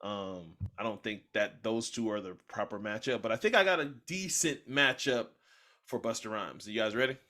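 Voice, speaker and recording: A young man hosting a casual podcast chat, arguing loudly and getting animated when he disagrees. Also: on the low side, moderate pace. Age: young adult. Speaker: podcast host.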